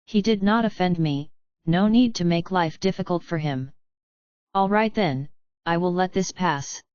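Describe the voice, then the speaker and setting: A woman's voice: lowish voice, unhurried, no echo, lightly acted. A woman reading as an unruffled demon master. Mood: calm. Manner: unruffled, smiling, gently commanding. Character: calm, powerful male demon master. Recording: dry, slightly dull lo-fi sound.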